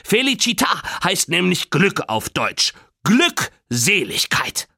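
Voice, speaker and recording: A man's voice: high voice, wildly swooping pitch, takes it slowly, gravelly, bright, forceful tone, no room sound, studio quality, pitched above the performer's own voice, exaggerated voice. A male narrator voicing an old grandfather, theatrical and easily indignant.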